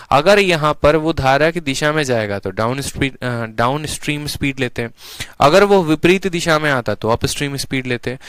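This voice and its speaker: Man teaching maths with a crisp voice. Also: medium pitch, fairly bright tone, dry recording. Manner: explains step by step, repeats questions to students and answers them. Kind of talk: online exam-prep maths lesson.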